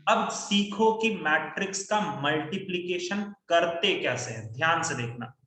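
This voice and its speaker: A man's voice: a little high, animated, unhurried, bright, forceful tone, roomy sound. A man teaching maths in an online class, coaxing his students to call out answers.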